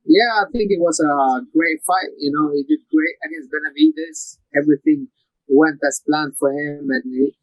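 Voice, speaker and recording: A young man from Iraq answers questions in a relaxed, easygoing way, dropping "you know" into most of his sentences. His voice sits a little high for a man. It is recorded close and dry, with no room sound. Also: normal speed, no echo, dull audio. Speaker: MMA fighter. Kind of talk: post-fight interview over a call.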